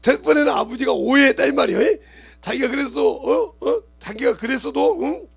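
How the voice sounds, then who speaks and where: Middle-aged pastor guy preaching, really gravelly raspy voice, jumps from shouting to mumbling. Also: extremely high pitch, expressive, brisk. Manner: swings from loud shouting to quiet murmurs, asks the congregation questions. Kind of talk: sermon.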